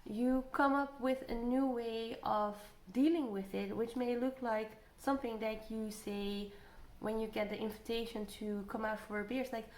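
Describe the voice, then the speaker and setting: A woman's voice: a little high, steady tone, normal speed. A woman giving a casual tarot energy reading, thinking aloud, trailing off and repeating phrases as she goes. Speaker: tarot card reader. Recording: roomy echo, clear background noise.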